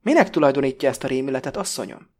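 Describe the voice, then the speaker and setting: A man reads an earnest young man with affected manners who probes gently. His questions are serious and careful. A slight husky roughness runs under the voice. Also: mid-range voice, expressive, natural voice. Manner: serious, gently probing, then irritated.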